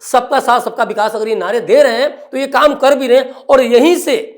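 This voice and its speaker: A male political commentator on a television news panel. He argues emphatically, piling up points and rhetorical questions in a pointed, forceful delivery. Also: extremely high pitch, steady tone, normal speed.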